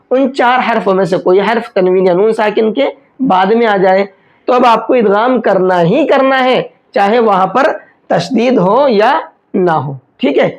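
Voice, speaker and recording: A man teaching a step-by-step recitation lesson. He explains each rule patiently, often checks that it is understood, and draws out slow examples. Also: very high-pitched. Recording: dull lo-fi recording.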